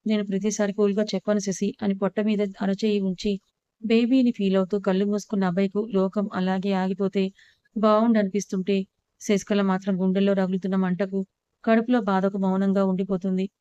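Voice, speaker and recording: A woman's voice: medium pitch, flat delivery, fairly quick, warm tone, clean tone, dry recording, lo-fi sound. A woman narrating a romance story and reading all the characters' lines in her own voice.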